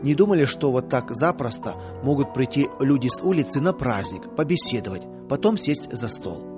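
A man reading a story aloud in a calm, even audiobook narration. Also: mid-range voice, moderate pace, over music.

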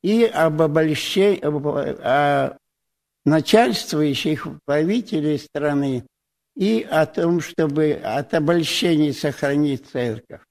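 An elderly man in his eighties speaks slowly to a church congregation, his voice a touch higher than most men's. He falters often, stopping to restart his words. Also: a little mellow. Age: 80s. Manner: halting, many restarts and hesitations. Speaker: presbyter. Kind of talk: testimony in church.

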